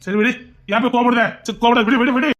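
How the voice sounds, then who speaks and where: A woman's voice: a little high, fairly even intonation, rapid-fire. A woman playing a husband who coaxes and placates his wife in a family comedy skit. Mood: placating.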